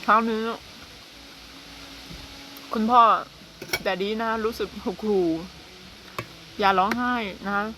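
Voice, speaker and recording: A woman in her thirties from Thailand, chatting casually to her viewers in an unhurried way, often filling pauses with soft hums. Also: medium pitch, steady tone, noisy background. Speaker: vlogger. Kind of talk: casual chat to camera.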